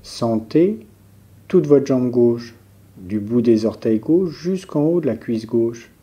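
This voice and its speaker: Calm and measured, a man leads a guided yoga nidra relaxation, leaving pauses between his instructions. He speaks in a mid-range voice.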